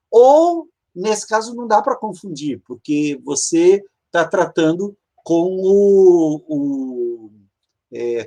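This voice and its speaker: A Hebrew teacher giving an online grammar lesson. The teacher often stops to search for words and explains each step slowly. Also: mid-range voice, dark tone. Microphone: video call.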